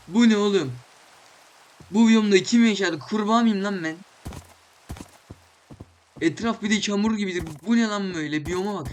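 A young man with a notably high voice talks over his gameplay, getting more and more exasperated as he grumbles and swears casually. He keeps chatting to the animals in the game, and a soft patter of rain runs behind him. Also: slight background noise. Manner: swears casually, exclaims loudly. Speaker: gaming channel host. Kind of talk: Minecraft let's play commentary.

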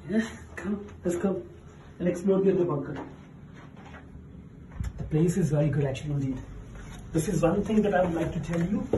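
A woman's voice: on the low side, moderate pace, long pauses, dark tone, echoey room, recorded from a distance, a little hiss or hum, poor audio. A woman chatting casually and enthusiastically while exploring inside a small concrete bunker, recorded on a handheld phone. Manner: enthusiastic, exclaiming. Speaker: vlogger exploring. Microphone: handheld phone camera.

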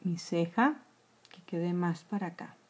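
A woman's voice: on the low side, measured pace. A woman in her forties with a Mexican accent, chatting through a live makeup tutorial from a small room, talking straight to her viewers. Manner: chatty, addresses viewers as girls, trails into whispers while applying makeup. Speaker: makeup vlogger. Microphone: phone or webcam at close range.

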